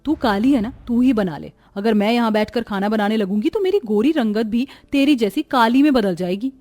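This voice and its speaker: Woman voicing a vain young sister, scornful, bossy, slightly high voice, storybook tale. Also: brisk, dark tone, faint music behind, lightly acted. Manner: scornful, bossy, mixing in English phrases. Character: vain spoiled young woman, proud of fair skin. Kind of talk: storybook voice acting.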